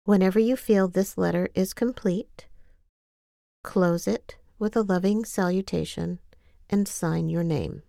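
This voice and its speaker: A woman narrates a guided exercise with a compassionate, gentle touch. Her voice is mellow and relaxed, with a noticeable creak, and she takes her time. The sound is close and very dry. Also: lowish voice, no echo. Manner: gentle, compassionate, unhurried coaching. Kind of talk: scripted guided self-care exercise narration.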